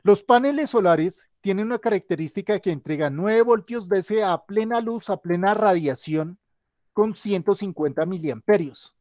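A man's voice: sits high, moderate pace, darkish tone, no echo, clean studio sound. A tired male teacher giving an online class, thinking aloud and correcting himself as he works through the board. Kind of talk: online class with a shared whiteboard.

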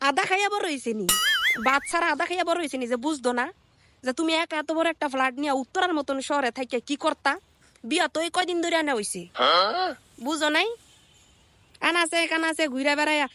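Recorded on a phone, this scolding reaction video has a woman ranting sarcastically in colloquial Bangladeshi Bengali. She's a content creator whose high voice sounds pushed and bright, with slight background noise behind it.

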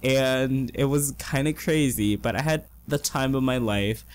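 A hoarse young man chatting excitedly through casual gameplay commentary as a let's play host. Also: medium pitch, a little slow, slight background noise. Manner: chatty and excitable, gushing with slang. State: hoarse, losing his voice.

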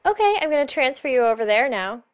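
Comedy sketch: actress as chirpy call centre woman, high clear customer service voice, cheerfully useless. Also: sing-song, quick pace, highs cut off. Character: chirpy, unhelpful female call centre agent.

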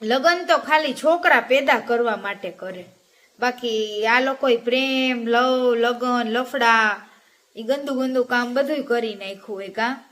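This woman from Gujarat, India, talks straight to viewers in a chatty, teasing monologue full of cheeky jokes. Her voice sits on the high side and is a bit bright.

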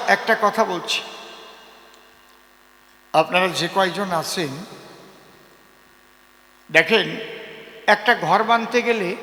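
A man's voice: high voice, bright, forceful tone, echoey room, in a large hall. A man with a rural East Bengali accent, a folk poet telling jokes on stage and asking the audience questions. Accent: East Bengali rural dialect. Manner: joking, storytelling, asks the audience questions. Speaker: folk poet and kabigaan singer. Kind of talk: humorous stage banter with audience.

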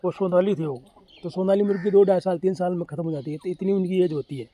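Speaking fast in a high voice with fairly even intonation, a poultry farmer from Rajasthan delivers a casual vlog explainer on his open farm. His style is simple and repetitive, aimed right at viewers, and chickens cluck amid faint background noise.

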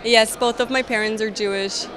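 A woman in her twenties from Austria, speaking English with an Austrian accent, answering interview questions in an earnest, measured way with hesitant restarts. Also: on the high side, steady tone, crowd noise. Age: 20s. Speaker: interviewee, soldier. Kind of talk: event interview. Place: indoor event hall, crowded.

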